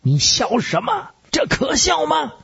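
A man's voice: medium pitch, wildly swooping pitch, moderate pace, mellow, slightly rough, full character voice. A male storyteller playing a proud but frightened ancient king who blusters and boasts. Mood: indignant. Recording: dull lo-fi recording.

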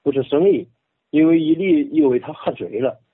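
A modest, quiet man from Henan speaking in Henan dialect as a radio co-host, reading aloud. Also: fairly high pitch, normal speed, husky, narrow, tinny audio. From Henan, China. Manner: modest, quiet, laughs shyly.

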